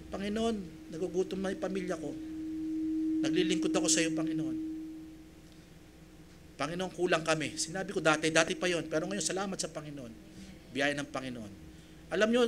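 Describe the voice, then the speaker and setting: A male pastor from the Philippines preaching a sermon, telling his own story with feeling and acting out his prayers, then building to loud, emphatic appeals. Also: high voice, background noise. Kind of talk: sermon with personal testimony. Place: church.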